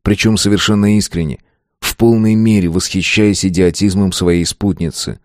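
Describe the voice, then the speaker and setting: A man narrating an audiobook in a steady, measured reading voice. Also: low voice, no room sound, studio quality. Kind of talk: scripted narration.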